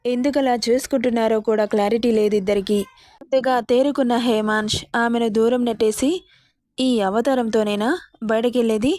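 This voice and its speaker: A woman narrates a romance story in a steady, plain reading voice. Her voice sits somewhat high and the sound is dry and close, with no room echo. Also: fairly quick.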